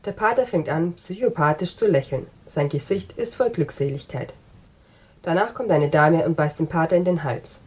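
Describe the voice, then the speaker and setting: A woman narrating an absurdist short story in an even, matter-of-fact reading. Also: sits low, normal speed, slightly rough.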